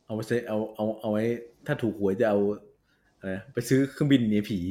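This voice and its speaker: A man's voice: fairly low pitch, brisk, warm tone. A man co-hosting a podcast, chatting casually and laughing as he retells comedy film scenes. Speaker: podcast co-host.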